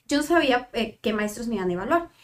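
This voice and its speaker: A young woman from Mexico, a psychologist appearing as a guest, tells a personal anecdote in a relaxed interview and brings the remembered conversations to life. She talks fast and animatedly, with a voice on the high side.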